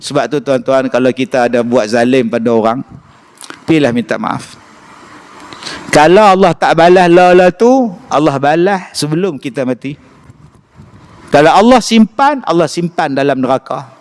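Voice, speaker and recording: Animated northern Malaysian preacher, clear voice. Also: male voice, fairly high pitch, normal speed, pauses often. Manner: animated storytelling, acts out voices. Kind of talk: humorous mosque lecture. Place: mosque.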